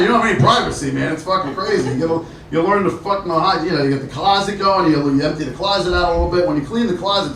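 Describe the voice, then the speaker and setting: Brash middle-aged comic working the room, pitched high, heard from afar in an echoey club. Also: male voice. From Jersey Shore, USA. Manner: brash, profane, chatty with the audience. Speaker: stand-up comedian. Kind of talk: stand-up set with crowd work. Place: comedy club stage. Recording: roomy live club audio from a distant mic. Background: laughing crowd.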